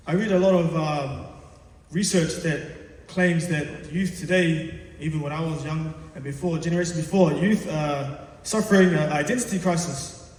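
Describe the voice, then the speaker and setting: A man's voice: a little high, a little mellow. A man giving an earnest, encouraging school lecture as a teacher, speaking hesitantly like an unpractised public speaker. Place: large reverberant indoor assembly space. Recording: echoey hall, distant microphone.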